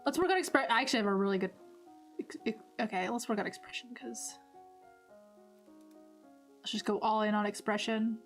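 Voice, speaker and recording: A woman's voice: a little high, normal speed, long pauses. A woman streamer playing a text game, reading its narration aloud in a rambling, self-deprecating way. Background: soft background music.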